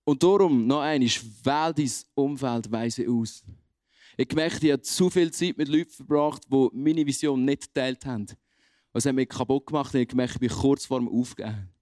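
A young man preaching a youth sermon in a lively, colloquial way. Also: medium pitch, brisk, no room sound, clean studio sound. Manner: lively, colloquial, animated acting out of quotes.

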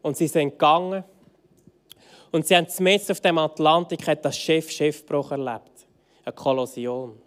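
A man leading worship, telling a story as a sermon and moving between emphatic loud phrases and hushed soft ones. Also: on the high side, steady tone, moderate pace.

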